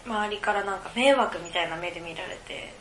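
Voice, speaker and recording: A woman's voice: mid-range voice, a little fast, fairly bright tone, reverberant, slight background noise. A woman hosting a casual podcast alone, reading listener mail and rambling with frequent giggles as she thinks aloud. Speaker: podcast co-host. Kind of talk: casual solo podcast chat.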